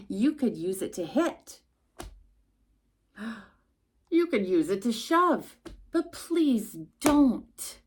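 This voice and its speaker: A storytime host, a woman with a medium-pitched voice, reads a rhyming picture book aloud to a young child. She is expressive and emphatic, slipping in little asides to her listener.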